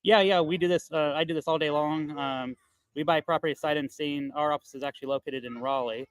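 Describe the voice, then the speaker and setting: Fast-talking man with a dry, close sound. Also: fairly high pitch, fairly even intonation, clean tone, dry recording, poor audio. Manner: fast-talking, filler-heavy, reassuring salesman. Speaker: real estate investor on sales calls. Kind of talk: live-streamed phone sales call and debrief. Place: loud area. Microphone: earbud headset mic.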